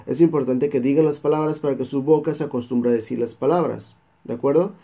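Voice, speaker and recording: A young Mexican man from Baja California Sur with a Mexican Spanish accent, teaching English phrases and slowly repeating each one for learners. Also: mid-range voice, creaky, warm tone. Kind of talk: English lesson for Spanish speakers.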